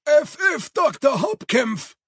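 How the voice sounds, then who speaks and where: A man doing Igor, a shrill eager servant. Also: big pitch swings, slow pace, creaky, fairly bright tone, dry recording, studio quality, heavily acted. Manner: high, strained, emphatic.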